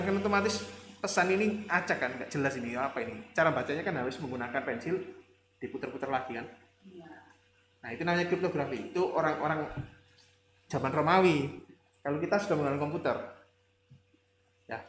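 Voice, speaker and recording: A male lecturer giving a conversational classroom lecture, rambling with fillers and rhetorical questions, with a slight tinge. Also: mid-range voice. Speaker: university lecturer. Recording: echoey room with faint ambient noise.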